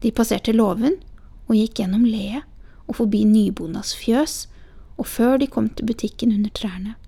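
Gravelly woman reading a storybook. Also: a little high, warm tone. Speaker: audiobook reader. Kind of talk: storybook narration.

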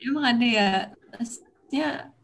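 A woman's voice: fairly high pitch, a little slow, fairly bright tone. A woman in a casual group chat, answering in a hesitant, unsure way. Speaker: discussion panelist.

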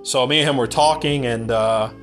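A man's voice: medium pitch, normal speed, fairly bright tone, soft background music. A man from the United States hosting a podcast, talking in a blunt, rambling casual monologue and swearing freely. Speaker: podcast host.

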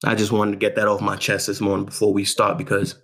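A young man from New York talks sports on his own show, boastful and fired up. He leans on street slang, repeats himself for effect and keeps things animated. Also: on the low side, quick pace. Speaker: show host. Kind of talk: hyped sports talk monologue.

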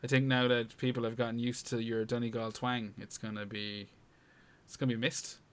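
A man's voice: mid-range voice, flat delivery, fairly quick, a bit bright, clean tone. A man with an Irish accent hosting a podcast in casual, freely sweary banter. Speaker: podcast host.

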